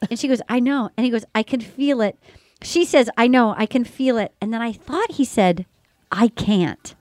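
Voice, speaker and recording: A woman co-hosting a podcast, chatting casually and retelling scenes in animated quoted voices. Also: fairly high pitch, fairly quick, no echo. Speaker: podcast co-host. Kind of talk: casual comedic recap chat.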